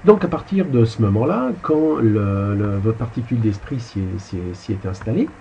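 A man with a low, very dark and mellow voice lectures on spiritual ideas in a loose, rambling way, dropping crude slang as he points at his slides. The sound is a bit dull, with a faint hiss behind it. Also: expressive, moderate pace, gravelly. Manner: rambling, colloquial, mildly crude asides. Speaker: spiritual teacher.

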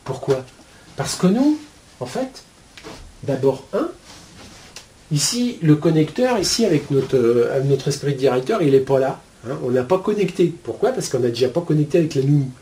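Guy rambling through a spiritual lesson, super casual, says hein a lot, mellow voice that bounces around in pitch. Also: lively intonation, normal speed, a little hiss or hum. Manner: colloquial, full of "hein" and "euh" fillers; chatty, explains with homely metaphors. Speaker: spiritual teacher. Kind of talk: casual spoken teaching to viewers.

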